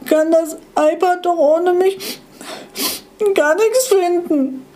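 A woman's voice: fairly even intonation, takes it slowly, warm tone. A woman doing a weepy little GPS gadget. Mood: tearful. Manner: sobbing, high and defiant.

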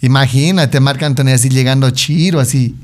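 A man's voice: medium pitch, brisk. A young man, co-hosting a podcast in casual, teasing banter and often restarting his phrases. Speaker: podcast co-host.

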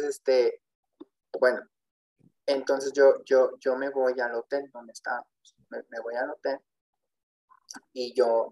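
A man's voice: medium pitch, vocal fry, a little mellow, poor audio. A man, a podcast guest sharing a personal faith testimony in an earnest, rambling storytelling way, often repeating himself and checking in with tag questions.

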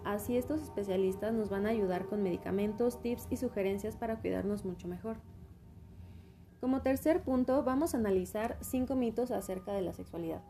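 A woman hosts an educational talk, speaking in a clear, instructive way to a young audience. Her voice is warm and mellow rather than bright. Faint music plays underneath. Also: medium pitch, fairly quick. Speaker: host. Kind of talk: scripted educational presenting.

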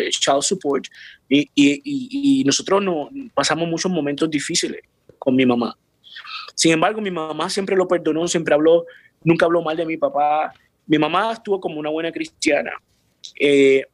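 Earnest man, higher voice. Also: dry recording. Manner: earnest, repeats and restarts words, drops English words into Spanish. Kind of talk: personal faith testimony.

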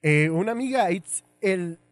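A man's voice: sits high, lively intonation, unhurried, dry recording. A young man with a Mexico City Spanish accent, co-hosting a casual podcast chat at home, slangy and joking, laughing often. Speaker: podcast co-host.

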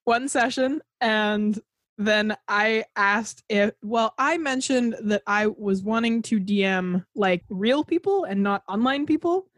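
A young woman in her twenties hosting a casual podcast chat, chatty and giggly, telling stories with lively put-on quotes. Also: mid-range voice, slow, no room sound, studio quality. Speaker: podcast host.

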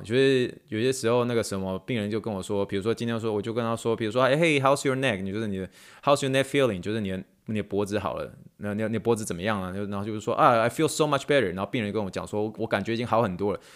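Here the same kind of speaker, a man with a Taiwanese Mandarin accent who works as a physical therapist, talks rapid-fire in a fairly low voice. In his relaxed podcast lesson he chats, says things twice, and drops in English words that he spells letter by letter.

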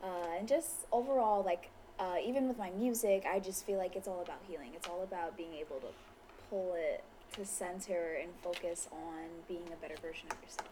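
A woman's voice: on the low side, brisk, noisy background. Playful woman. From Queens, New York. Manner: informal, playful, frequent "like". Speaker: interview guest, musician. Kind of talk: casual interview chat.

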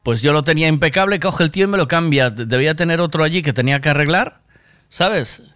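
A man with a Castilian Spanish accent chatting casually, telling anecdotes in a colloquial, sweary, animated way. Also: on the high side, fast.

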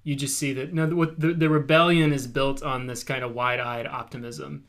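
A man's voice: medium pitch, little pitch movement, normal speed, a bit bright. A man co-hosting a casual talk show, earnest and given to trailing off and restarting. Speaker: podcast co-host. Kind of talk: casual chat.

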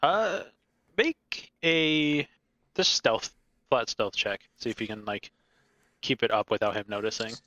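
Bright-voiced male game master. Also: medium pitch, big pitch swings, measured pace, muffled recording. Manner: casual, filler-heavy, laughs easily. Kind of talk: narrating a tabletop game.

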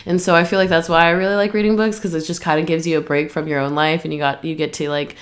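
Fast and flat, with a low voice, this twenty-something woman hosts a relaxed solo podcast where she works through her plans. She sounds a little congested and nasal from allergies, and her rambling is full of "um" and "like".

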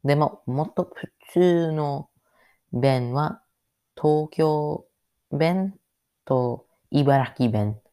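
Very slow-talking man, halting learner's speech. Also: a little high, warm tone, clear, resonant tone. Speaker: podcast host. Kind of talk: solo podcast monologue.

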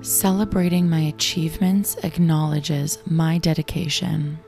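A young woman with a low, raspy voice reads calm affirmations slowly and soothingly, acting as a meditation and affirmation host. Gentle music sits clearly beneath her voice the whole way through.

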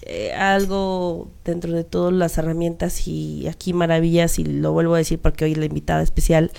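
A woman's voice: deep voice, moderate pace, creaky, warm tone. A woman co-host with a Mexican Spanish accent, speaking reflectively and mocking voices with slang. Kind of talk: casual panel talk.

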